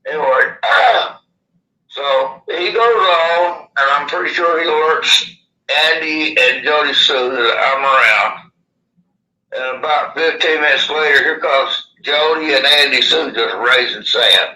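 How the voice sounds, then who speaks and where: A man's voice: a little high, unhurried, pushed and bright, roomy sound, low-quality recording. A man with a lisp and slushy s sounds from missing upper teeth, telling a first-hand story in a casual, folksy, rambling way. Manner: folksy, plain-spoken, rambling. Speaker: interviewee.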